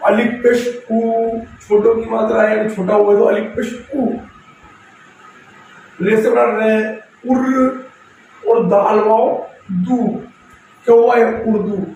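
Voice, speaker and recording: A man's voice: sits high, fairly even intonation, slow, pauses often, darkish tone, dull audio, a little hiss or hum. A man teaching a step-by-step script lesson, patiently explaining, repeating letters and asking questions he answers himself. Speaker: Urdu teacher. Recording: very echoey room from far off.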